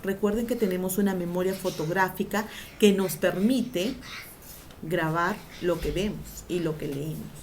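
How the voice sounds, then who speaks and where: A woman's voice: fairly low pitch, measured pace, darkish tone, slight background noise. A woman teacher giving a grammar lesson, drawing out syllables for emphasis and asking the class questions before answering them herself.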